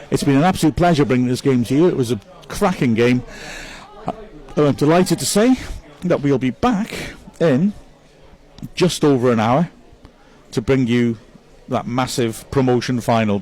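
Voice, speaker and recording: A chatty club commentator covers a match live, upbeat as he compliments players individually and reads messages sent in by viewers. He has a medium-pitched, slightly mellow voice.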